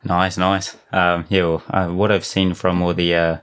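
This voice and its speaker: A man's voice: deep voice, flat delivery, unhurried, fairly bright tone, a little hiss or hum. A man with a New Zealand accent interviewing a guest in an easygoing, casual way, with lots of fillers. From born in Japan, raised in New Zealand. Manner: easygoing, filler-heavy, laughs along.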